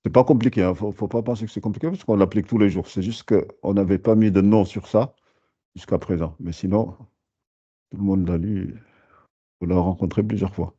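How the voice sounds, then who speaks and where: A man's voice: low-pitched, steady tone, fairly quick, dark tone, slightly rough, muffled recording. A man teaching a lesson, explaining patiently with many fillers and restarts. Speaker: Quran recitation teacher.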